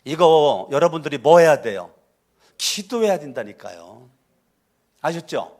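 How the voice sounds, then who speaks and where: Brief: male pastor from Chungcheong, punchy sermon delivery with call-and-response, voice sits a little high. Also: sing-song, unhurried, a little mellow. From Chungcheong, Korea. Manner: emphatic, repetitive, calls for congregation responses. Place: church sanctuary.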